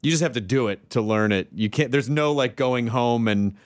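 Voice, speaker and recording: A man hosting a podcast, talking in an animated, joking way. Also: mid-range voice, moderate pace. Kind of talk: casual podcast conversation.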